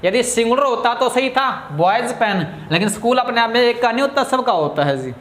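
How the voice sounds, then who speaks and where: A man teaching English grammar with a Hindi accent, asking his students questions and answering them himself, drawing key words out slowly. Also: very high-pitched, lively intonation, fairly bright tone. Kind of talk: classroom lecture. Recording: echoey room.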